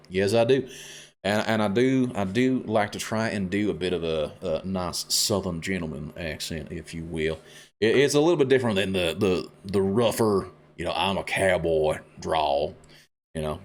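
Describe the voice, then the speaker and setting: Deep-voiced chatty male streamer. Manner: chatty, reads chat aloud, frequent fillers and restarts. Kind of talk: casual gameplay stream chat.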